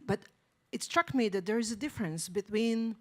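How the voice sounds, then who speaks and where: A woman making thoughtful conference remarks, pausing and restarting as she finds her words. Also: a little high. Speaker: conference participant.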